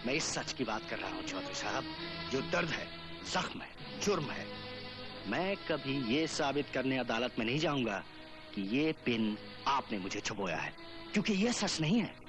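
A man's voice: medium pitch, very animated, moderate pace, over music, lightly acted. An actor playing an earnest, principled young male lawyer who speaks firmly and defiantly, in 1980s film drama dialogue. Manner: earnest, firm, declaiming.

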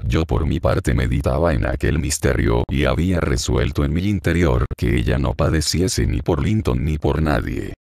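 A man giving a measured, scripted audiobook narration. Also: rumbling low, lively intonation, vocal fry, darkish tone, dry recording, clean studio sound.

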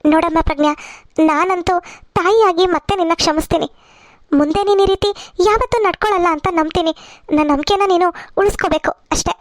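A woman's voice: very high-pitched, fairly quick, no room sound. A woman voicing a firm, caring mother in a cartoon serial, lecturing her daughter. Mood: forgiving. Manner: lecturing, advising.

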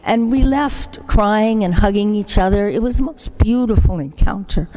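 A woman's voice: mid-range voice, moderate pace. An older woman, a religious sister, telling stories of her community's work in an appeal at Mass, acting out the people she quotes. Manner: warm-hearted anecdotal storytelling, acts out quoted voices. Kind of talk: storytelling church appeal. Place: large church. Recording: echoey church hall.

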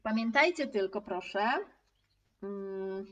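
A woman teaching a live online language lesson, speaking slowly and clearly, repeating example phrases and answering viewers' comments. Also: medium pitch, a bit bright, distant mic, highs cut off.

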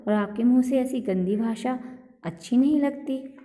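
महिला द्वारा निभाई घमंडी चिढ़ाने वाली मक्खी. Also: female voice, a little high, normal speed, warm tone, close to an everyday voice. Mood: taunting. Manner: taunting, mocking. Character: boastful cheeky female fly. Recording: echoey hall reverb.

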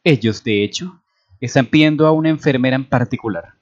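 A man's voice: medium pitch, brisk, no room sound, pitched above the performer's own voice, lightly acted. A man reading aloud and voicing a nervous army doctor who speaks hesitantly and fearfully to his superior. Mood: timid. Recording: dull lo-fi recording.

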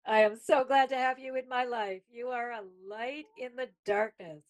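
Woman guest on a podcast call, higher voice, leans hard on repeated words for emphasis. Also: fairly even intonation, moderate pace. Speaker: guest, spiritual healer. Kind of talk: inspirational podcast talk.

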